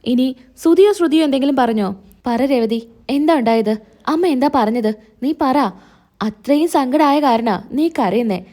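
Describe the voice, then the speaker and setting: A woman's voice: sits high, normal speed, warm tone, lightly acted. A woman voicing a protective young husband who speaks in an insistent, reassuring way in a retold serial story. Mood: concerned.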